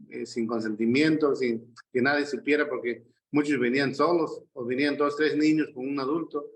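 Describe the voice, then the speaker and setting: A man's voice: mid-range voice, rough recording. Hesitant man with faint background hiss. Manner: hesitant, many fillers. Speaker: guest. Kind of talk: casual discussion.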